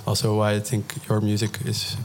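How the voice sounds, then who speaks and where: A man's voice: lowish voice, completely flat delivery, normal speed, slight background noise. A man, a DJ and producer guest, talking casually and rambling with lots of fillers. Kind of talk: casual interview chat.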